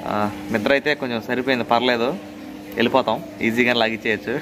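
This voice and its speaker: A man's voice: mid-range voice, level tone, fast talker, noisy background. A man chatting casually to his viewers in a vlog. He laughs often and keeps coming back to the same stock phrases. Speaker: vlogger. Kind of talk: casual travel vlog chat.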